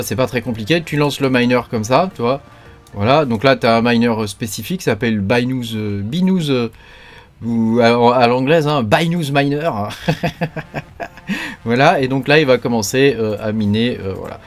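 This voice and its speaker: A man hosting a joking video about crypto mining, talking loosely with constant fillers and small restarts. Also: mid-range voice. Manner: rambling, heavy fillers and verbal tics. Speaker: crypto YouTuber. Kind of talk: joking casual video talk.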